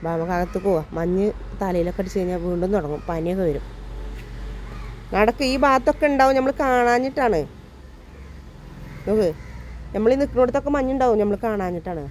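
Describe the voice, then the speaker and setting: Woman, Malayali accent, mum-vlogger; coaxing, teasing delivery, slightly rough cold-worn voice, outdoor take with faint noise. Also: mid-range voice, steady tone, quick pace, pauses often, darkish tone. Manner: coaxing, teasing talk to her child. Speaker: vlogger, mother. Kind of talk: casual family vlog chat.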